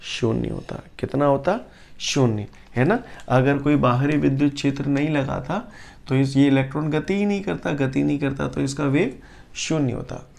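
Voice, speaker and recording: Gravelly man teaching physics. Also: mid-range voice, darkish tone. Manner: quizzes students with call-and-response questions, repeats definitions slowly. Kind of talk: classroom lecture.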